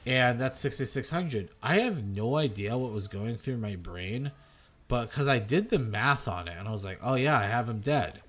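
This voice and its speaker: A man's voice: medium pitch, lively intonation, moderate pace. A man giving loose, self-mocking gameplay commentary as a video host, swearing freely. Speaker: gaming content creator.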